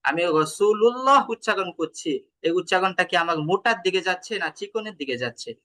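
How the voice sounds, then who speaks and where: Teaching tajweed online, this man speaks in a high, animated voice with a sharp tone and a Bangladeshi Bengali accent. He patiently explains, poses questions, and slowly chants examples as a Quran recitation teacher.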